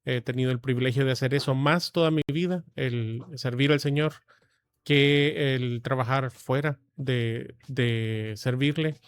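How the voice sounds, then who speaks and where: A man in his forties from El Salvador, a guest telling his life story in a measured, reflective way with frequent pauses. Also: mid-range voice, steady tone, smooth. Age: 40s. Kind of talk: testimony interview.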